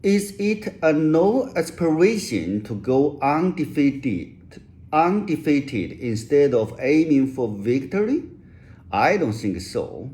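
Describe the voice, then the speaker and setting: A man with Chinese as his first language gives a rehearsed lecture in English as an author. His fairly high voice is dark-toned and sing-song. The delivery is slow and careful, with the odd restart.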